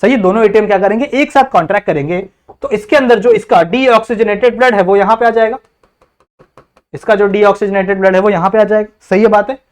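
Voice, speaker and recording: A man's voice: high voice, quick pace. Indian male tutor, explanatory lecture delivery, frequent comprehension checks. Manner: keeps checking understanding with repeated questions; mixes Hindi with English terms. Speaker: biology teacher. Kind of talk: classroom lecture.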